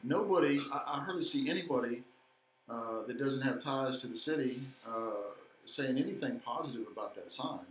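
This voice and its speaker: A man's voice: mid-range voice, moderate pace, fairly bright tone. A man co-hosting a local civic live stream, talking earnestly to viewers with hesitant fillers and a frequent "okay?". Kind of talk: casual talk, addressing viewers. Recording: echoey room with faint background noise.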